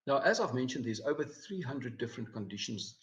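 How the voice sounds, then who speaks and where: A man's voice: medium pitch, big pitch swings, fairly quick. A man, a financial advisor, giving a live presentation over slides, with many fillers and repeated words. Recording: dull lo-fi recording.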